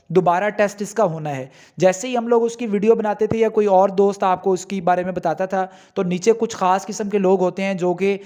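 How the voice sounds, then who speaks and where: Brief: male coaching-channel host, high voice, earnest and pushy. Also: a little mellow. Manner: earnest, exhorting, rhetorical questions. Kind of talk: motivational talk to job seekers.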